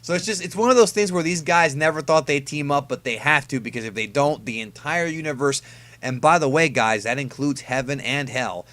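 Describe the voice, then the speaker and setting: A man's voice: a little high, fairly quick, a bit bright. A man hosting casual fan commentary on an anime episode preview, talking conversationally and stressing key words. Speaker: YouTube host reviewing an anime episode preview.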